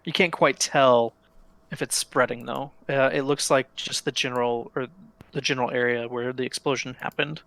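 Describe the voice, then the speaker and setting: A man's voice: mid-range voice, fairly even intonation, normal speed, gravelly, a bit bright, no room sound. A man running a tabletop role-playing game, describing scenes hesitantly with many fillers. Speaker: game master.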